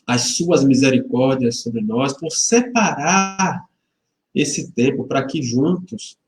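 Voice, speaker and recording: A man's voice: mid-range voice, slow. Man, pastor, livestreamed service, casual greetings, echoey room, webcam mic. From Salvador, Bahia, Brazil. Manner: chatty and informal, greeting viewers by name, joking lightly. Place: church hall. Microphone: webcam microphone. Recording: roomy webcam sound.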